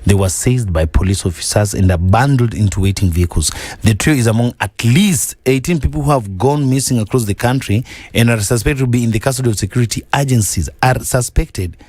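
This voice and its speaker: A man's voice: mid-range voice, a little fast, darkish tone, dry recording. A man with a Kenyan accent co-hosting a casual radio chat and reading out news stories. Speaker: radio co-host. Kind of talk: casual radio chat mixing English and Swahili. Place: radio studio.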